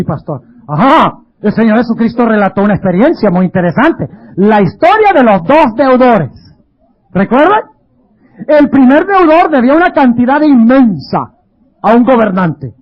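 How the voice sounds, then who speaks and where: Male pastor, dramatic sermon, very high voice, dull lo-fi recording. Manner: dramatic, rhetorical questions. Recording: dull lo-fi radio sound.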